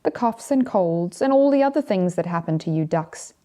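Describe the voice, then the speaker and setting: A storyteller voicing Death as a calm, kindly, matter-of-fact male figure who gently teases, in a children's storybook. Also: mid-range voice, normal speed, natural voice.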